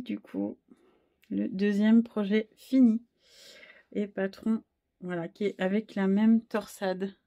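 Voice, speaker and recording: A woman in her thirties chatting casually in a knitting vlog, a little hoarse, rambling and self-deprecating, full of fillers and restarts. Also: mid-range voice, a little mellow. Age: 30s. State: a bit hoarse, frog in the throat. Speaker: wool dyer and knitting podcaster.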